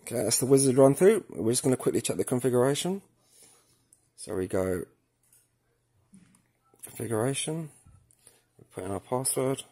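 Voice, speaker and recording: Medium in pitch, warm and husky, this man speaks at normal speed with lively intonation and frequent pauses. He's a tutorial presenter at an indoor work table, filming his hands on the device while casually thinking aloud step by step.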